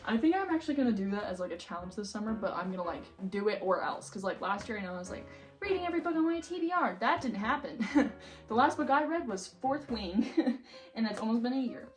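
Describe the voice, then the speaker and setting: A woman's voice: fairly high pitch, animated, fast talker. A young woman with an American accent chatting casually and ramblingly, in a self-deprecating, giggly way, as a vlogger. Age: young adult. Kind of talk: casual chatty vlog while organizing books. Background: background music.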